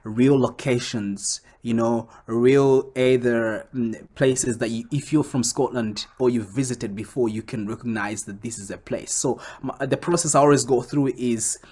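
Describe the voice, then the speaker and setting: A young man from Congo, a comic book creator, answering interview questions in a casual, animated way that jumps up when he quotes himself. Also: medium pitch, unhurried, hardly any pauses.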